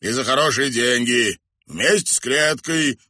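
A man's voice: mid-range voice, a little slow, bright, forceful tone, dry recording, studio quality, voice pushed up. A man voicing a coarse, boastful, greedy man in a storybook. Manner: gruff, boastful, condescending.

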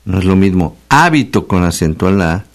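A man with a Mexican accent hosting a casual radio talk, explaining spelling like a chatty teacher and slowly repeating the key words. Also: low voice, little pitch movement, vocal fry, a little mellow. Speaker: radio host. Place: radio studio.

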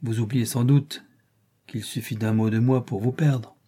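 A bitter, haughty male ex-partner bent on revenge from an adventure audiobook, voiced by a male reader. His voice is warm-dark and somewhat husky, resentful throughout. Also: medium pitch, fairly even intonation, unhurried. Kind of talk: audiobook reading.

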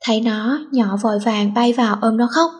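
A woman reading a teen novel aloud in a steady, plain storytelling manner. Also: a little high, moderate pace.

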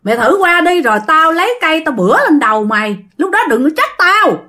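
A woman's voice: a little high, quick pace, pushed and bright. A woman voicing a rude, mocking old male duck farmer who keeps repeating his taunts. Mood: taunting.

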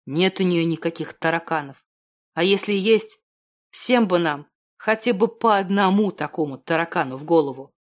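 A woman's voice: on the low side, normal speed, voice pushed down, lightly acted. Woman putting on a grumbling, skeptical man. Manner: grumbling, blunt. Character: skeptical grumbling older brother, blunt man.

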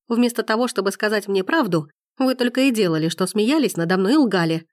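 A woman's voice: medium pitch, lively intonation, a little fast, dry recording, studio quality, close to an everyday voice. A woman reading an audiobook, voicing an enraged young woman who hurls angry accusations. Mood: furious. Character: furious young woman in period romance.

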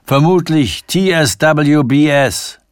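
A man's voice: fairly high pitch, slow pace, smooth, dry recording, clean studio sound, voice pushed up. A man voicing a brash English banker who mocks his companion in a radio reading of a novella. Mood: mocking. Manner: cackling, scornful.

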